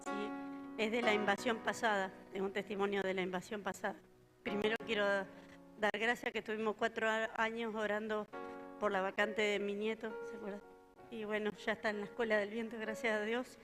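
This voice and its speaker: A woman's voice: medium pitch, flat delivery, brisk. An older woman with an Argentine accent giving a plain, hesitant testimony at a church service. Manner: plain, hesitant storytelling with fillers. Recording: faint music behind.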